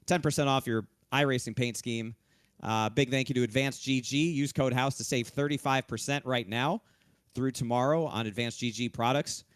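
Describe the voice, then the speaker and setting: Man, race winner, post-race interview, slightly hoarse, smooth voice, dry close sound. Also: mid-range voice, normal speed, dry recording. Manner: relaxed, loose, frequent restarts and fillers. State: losing his voice. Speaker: race-winning sim racing driver.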